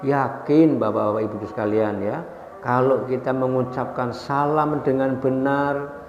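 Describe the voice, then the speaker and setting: A man preaching a sermon to a congregation, telling a story and leading his listeners in slow chanted recitation. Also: fairly even intonation, over music. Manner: storytelling with rising pitch on stressed points. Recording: echoey hall, dull sound, faint background noise.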